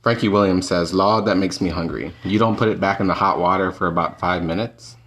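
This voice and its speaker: A man's voice: low voice, fairly even intonation, brisk, fairly bright tone. A man reading viewer comments aloud on a live stream, hesitant with ums. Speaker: comment reader.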